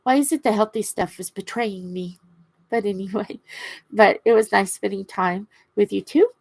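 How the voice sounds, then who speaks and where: Gravelly woman with slightly swollen-lip speech. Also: medium pitch, moderate pace, no echo. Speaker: craft livestream host. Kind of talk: casual rambling livestream chat.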